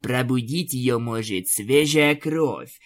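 Sneering female vampire pony boss in an audiobook, done by a male reader, unhurried and condescending. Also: mid-range voice, close to an everyday voice. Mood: cold scorn. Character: cold, mocking female vampire pony leader. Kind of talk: audiobook character voice.

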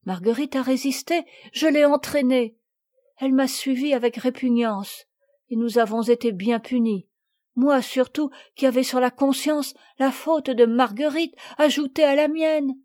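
A woman's voice: high-pitched, steady tone, measured pace, darkish tone. A woman voicing an earnest, remorseful little girl in a storybook reading, speaking in a pleading way.

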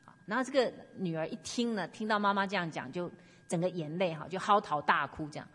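A woman's voice: on the low side, quick pace, fairly bright tone. A woman preaching earnestly, sharing testimony and urging her listeners on. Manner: earnest, exhorting. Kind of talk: sermon with personal testimony. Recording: long hall reverb.

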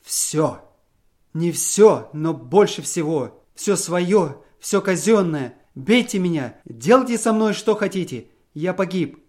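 A man voicing a ruined gambler husband, loud and anguished, pleading and self-pitying in a storybook reading. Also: high voice, expressive, slow, pitched above the performer's own voice. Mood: despairing.

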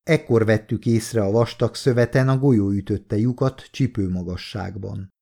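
Male audiobook narrator, measured and steady, warm dark timbre. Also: on the low side, vocal fry.

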